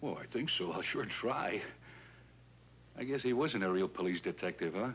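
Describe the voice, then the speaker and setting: Deep-voiced with lively intonation and a slightly bright tone, the man talks at normal speed. He's cast as a wary, folksy shopkeeper who has been swindled in a 1950s police drama, a hesitant, plain-spoken robbery victim in an earnest, rueful mood. The recording is a noisy 1950s soundtrack.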